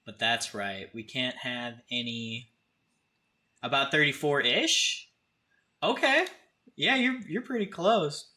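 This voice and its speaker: Taking his time and pausing often, a livestream host in his thirties chats informally with his viewers, speaking straight to the chat. His medium-pitched voice has lively intonation and a pushed, bright quality.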